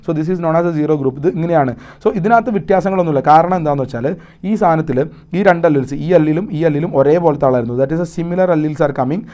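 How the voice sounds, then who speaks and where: Emphatic coaching teacher, mellow voice. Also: male voice, on the high side, fairly quick. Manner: mixes Malayalam and English, repeats checks like "are you understanding"; emphatic, drills key points with repetition. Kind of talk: live online lesson.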